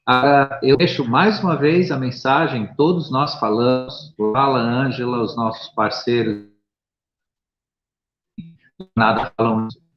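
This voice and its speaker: A man speaking as a guest on a video call, talking in a halting way and repeating words, while his voice keeps cutting out as the connection breaks up. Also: medium pitch, steady tone, roomy sound, muffled recording, faint music behind. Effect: choppy, breaking-up internet call audio. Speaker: interview guest. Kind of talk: spiritual talk on a video call. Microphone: computer mic on a video call.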